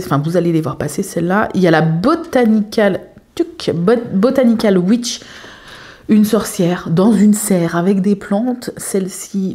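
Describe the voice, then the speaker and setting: A young woman chatting casually as a craft vlogger, showing her collection with many filler pauses. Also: lowish voice, dark tone. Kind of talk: casual show-and-tell chat.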